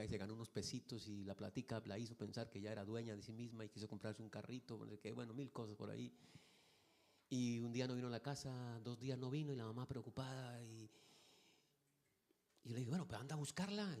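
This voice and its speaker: A man preaching a sermon as pastor, swinging from loud exhortation to soft, hushed storytelling and repeating rhetorical questions to his congregation. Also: lowish voice, little pitch movement, a little fast.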